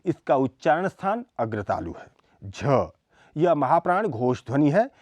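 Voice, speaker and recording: A man giving a scripted lesson on speech sounds, reading them out one by one in a slow, deliberate way. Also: a little high, big pitch swings, darkish tone, no echo. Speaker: lecturer. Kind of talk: scripted educational lecture.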